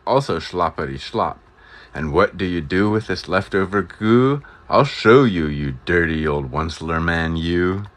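A man's voice: sits low, fairly bright tone. A man voicing a grumpy small male forest creature, scolding and indignant in a storybook reading.

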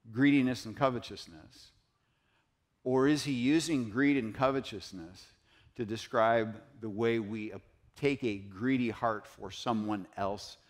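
Male pastor, earnest sermon delivery, quotes scripture. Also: medium pitch. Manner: earnest preaching, quotes scripture, rises in emphasis. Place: church sanctuary.

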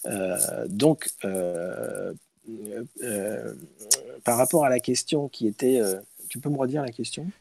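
A man speaking as a guest on an online call, telling stories with many pauses and restarts through an earphone mic. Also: mid-range voice, creaky, dark tone. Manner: hesitant, many restarts and "euh", storytelling. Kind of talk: casual online talk, answering questions. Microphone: earphone headset mic.

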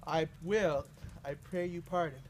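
A man's voice: fairly high pitch, steady tone, measured pace, darkish tone. A young man playing Gertrude, a willful, doting queen in an amateur Shakespeare performance. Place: outdoors in a residential backyard. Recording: distant, slightly noisy outdoor camera microphone.

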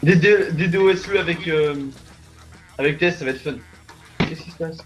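A man's voice: fairly high pitch, moderate pace, soft background music. Amused guy on gamer voice chat. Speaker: voice chat participant.

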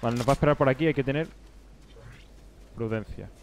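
Brief: male streamer, mid pitch, jumpy live commentary with curses, faint hiss behind. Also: fast. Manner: excitable, swears, talks to himself.

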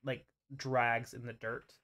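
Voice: medium pitch, flat delivery, slow, fairly bright tone. A game master narrating a tabletop roleplay over an online group voice call and voicing non-player characters.

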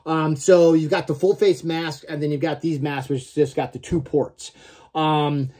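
A man's voice: fairly high pitch, fairly even intonation, a little slow, mellow. A man in his forties giving a casual product review to camera, informal and a little salty, often checking in with "okay?". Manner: informal, mildly profane, frequent "okay?" check-ins. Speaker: gear reviewer. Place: small room at home, indoors.

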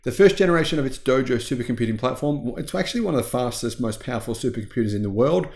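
A man's voice: medium pitch, expressive, racing, darkish tone. Emphatic man hosting tech news. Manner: enthusiastic, emphatic, stretches key words. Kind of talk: casual news commentary. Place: small home studio, indoors.

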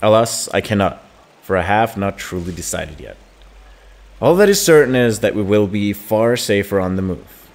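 Grave, formal older guardian, read by a man, low-pitched. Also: lively intonation, moderate pace, a little mellow. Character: solemn older male guardian, urgent and protective. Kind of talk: reading game dialogue aloud.

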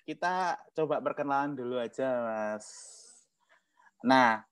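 A man hosting a casual livestream chat, joking, laughing often and filling pauses. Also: mid-range voice, expressive, background noise. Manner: jokey, laughs often, many fillers. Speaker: host.

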